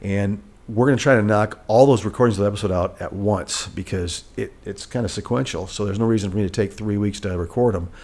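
A fast-talking middle-aged man, barely pausing, speaks in a fairly low, darkish voice that comes out blocked and nasal. Hosting a casual solo podcast from his rented apartment living room, he rambles frankly and keeps correcting what he says. The audio comes through a studio mic on a boom arm.

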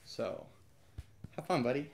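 A man's voice: mid-range voice, a little slow, very noisy. A man in his twenties hosting a casual web news show in a rambling, joking way. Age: 20s. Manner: rambling, jokey. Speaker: show host. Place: indoors, facing camera, music behind.

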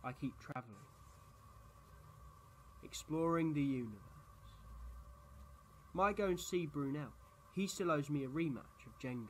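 Man playing the Doctor, higher-voiced eccentric time traveller. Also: expressive, measured pace, pauses often, poor audio. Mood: soft, friendly. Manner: theatrical, cocky, whimsical. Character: eccentric, quick-witted male time-travelling adventurer. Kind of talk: science fiction fan audio drama acting.

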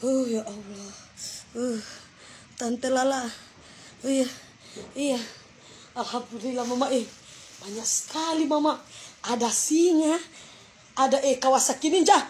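A high-pitched woman with a Manado Indonesian accent chats into her phone on a livestream. She is effusive and exclaiming, thanking viewers one after another. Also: measured pace, long pauses, a little mellow, slight background noise. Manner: effusive, exclaiming, breaks into laughter. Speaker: livestream host. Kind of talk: casual livestream chat thanking viewers for gifts.

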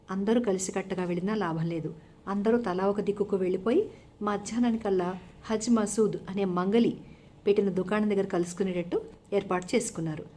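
A woman's voice: mid-range voice, darkish tone. A woman narrating a folk tale as a storyteller, giving the characters' lines small shifts of voice.

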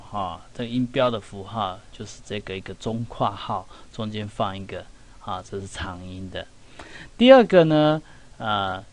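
A middle-aged man giving a relaxed English pronunciation lesson in Mandarin. He talks in a chatty way and keeps asking the class "right?" and "see?". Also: lowish voice. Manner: chatty, with many "哈" and "有没有" asides. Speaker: English teacher.

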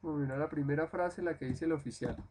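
A man teaching English in a live-streamed lesson, explaining slowly and patiently and repeating phrases with a frequent "¿sí?". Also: a little high, darkish tone, a little hiss or hum.

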